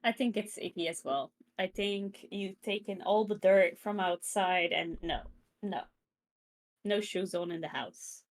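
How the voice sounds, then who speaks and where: A woman's voice: medium pitch, a little slow. A woman co-hosting a casual live stream chat, speaking at an easy pace and sometimes searching for words. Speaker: stream co-host.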